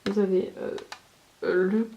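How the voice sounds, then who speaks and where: A woman's voice: medium pitch, little pitch movement, takes it slowly, mellow, dull audio. A woman giving a casual beauty haul review, chatty and full of hesitations. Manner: chatty, many fillers and hesitations. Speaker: beauty vlogger. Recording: echoey room with background noise.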